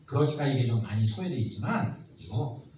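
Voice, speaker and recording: A man giving a lively history lecture who asks his students constant questions and acts out the people he quotes. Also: mid-range voice, a little fast. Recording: very echoey room, mic at a distance, faint noise.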